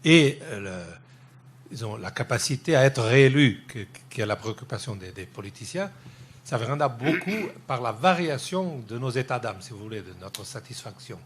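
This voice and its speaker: A man's voice: medium pitch, expressive, normal speed, slight background noise. A man from Portugal asking a long question from the floor at a lecture, thinking aloud and searching for words. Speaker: audience member asking a question.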